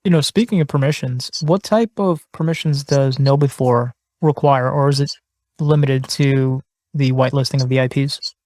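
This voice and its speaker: A man with a middle-pitched voice who co-hosts a podcast and asks direct, curious questions. The recording is close and dry. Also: fairly even intonation, moderate pace, a little mellow, no echo. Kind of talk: casual interview questions.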